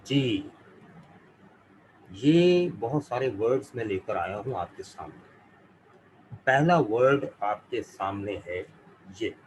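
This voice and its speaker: Guy teaching vocab online, says each word slow a few times, little bit of room noise. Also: medium pitch, expressive, rough recording. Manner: slow, careful pronunciation drills, repeating words. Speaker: English teacher. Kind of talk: live online vocabulary class.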